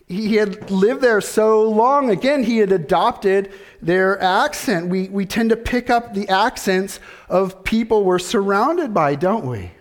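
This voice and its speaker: A middle-aged man preaching a sermon, measured and deliberate, repeating key phrases and asking rhetorical questions. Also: high-pitched. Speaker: pastor.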